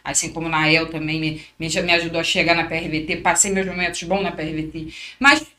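A woman's voice: low-pitched, brisk. A woman, a fighter, telling her story in a casual interview and acting out what others said. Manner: animated, acts out quoted dialogue. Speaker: guest, professional fighter.

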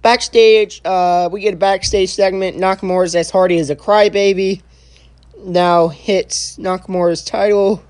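Slow, halting young man reviewing. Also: sits high, fairly even intonation, darkish tone, clean tone. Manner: halting, full of uh fillers and restarts. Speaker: wrestling show reviewer. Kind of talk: casual spoken review.

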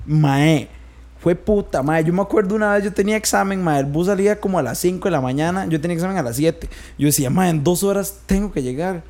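Young costa rican dude, high voice, laughing a lot, slangy podcast banter. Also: male voice, quick pace, a little mellow. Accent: Costa Rican Spanish. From Costa Rica. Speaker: podcast co-host. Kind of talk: casual chat.

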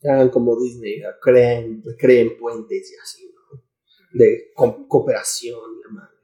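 Man, Mexican accent, mellow tone, laddish slangy swearing, irreverent podcast host, casual chat, echoey room. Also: medium pitch, little pitch movement, takes it slowly.

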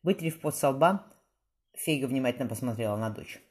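A woman reading a historical novel aloud as narrator, brisk and expressive. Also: extremely low pitch, very noisy. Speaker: audiobook reader.

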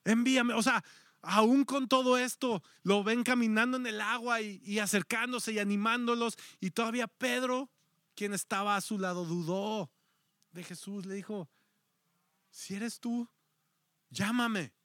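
A man preaches a sermon in a voice that sits a little high for a man. He tells the story with animation, acts out the quotes, and now and then drops to a near-whisper. The sound is dry and close, with almost no room echo. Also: steady tone, moderate pace, sharp tone, smooth. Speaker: pastor.

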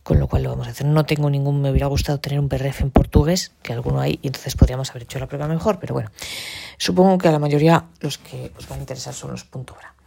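A woman's voice: very deep voice, steady tone, very fast, gravelly, warm tone, slight background noise. A woman patiently walking listeners step by step through a device tutorial. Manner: explains patiently while operating a device. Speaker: tutorial presenter.

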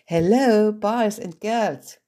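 A woman's voice: medium pitch, very slow, dark tone, pitched above the performer's own voice. A woman voicing a showy young circus girl who speaks with a put-on American accent and mixes broken English into German. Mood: bubbly.

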